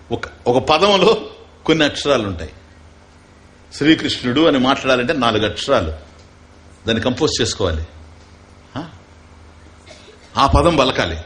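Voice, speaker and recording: A man with a mid-range, slightly bright voice teaches as a spiritual teacher in a scripture discourse. He poses rhetorical questions to his listeners and chants verses.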